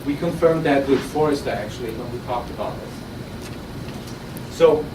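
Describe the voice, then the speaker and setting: In no hurry, an Austrian-accented man pitches his startup live to an audience, speaking conversationally and restarting his sentences often, with repeated words. It takes place in a conference room at an innovation event. The recording is distant, roomy and noisy.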